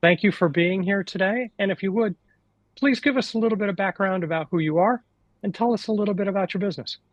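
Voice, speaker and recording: A male podcast host with a notably high voice, recorded dry and close. He introduces his guest and asks questions in a friendly, encouraging manner. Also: quick pace, dry recording, highs cut off. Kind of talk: podcast interview hosting.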